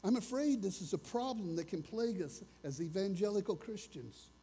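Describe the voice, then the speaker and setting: A man's voice: high-pitched, expressive, normal speed, mellow, breathy edge, big-room sound. A man preaching a sermon as a pastor, earnest and conversational, asking his listeners questions as he goes.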